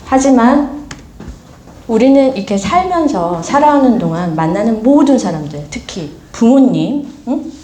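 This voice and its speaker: A woman's voice: fairly high pitch, normal speed, a crowd in the background. A woman giving an informal seminar talk to an audience, asking them questions and acting out the voices of scolding parents and teachers. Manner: lively, asks the audience questions, acts out quoted scolding. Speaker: seminar speaker. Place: gallery studio seminar room. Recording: echoey room with faint background noise.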